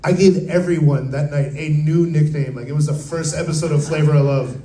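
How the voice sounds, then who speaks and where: Young male stand-up, laid-back profane storyteller, mellow slightly high voice, roomy live room. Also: fairly even intonation, a little fast. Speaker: stand-up comedian. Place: open mic at a coffee bar. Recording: roomy live venue sound.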